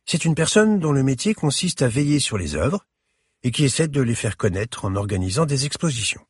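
A man reading aloud, voicing a refined sixty-five-year-old woman curator with a clear, slightly hissing voice and polite, formal manner. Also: mid-range voice, sing-song, fairly quick, a little mellow, no room sound, voice pushed up. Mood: courteous.

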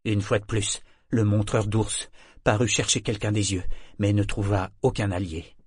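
A man narrating a story in a steady, scripted audiobook reading. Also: fairly low pitch, normal speed, husky, no room sound, clean studio sound.

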